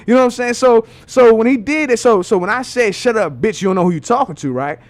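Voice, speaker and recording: A male podcast host with a high voice who talks at a rapid clip. He is loud and excitable and peppers his stories with swearing. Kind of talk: animated storytelling chat.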